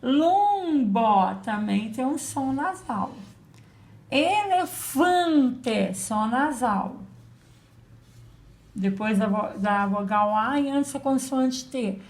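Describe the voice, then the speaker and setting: A woman's voice: fairly high pitch, expressive, extremely slow. A woman teacher giving a patient children's lesson, spelling out letters and sounds. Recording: echoey room.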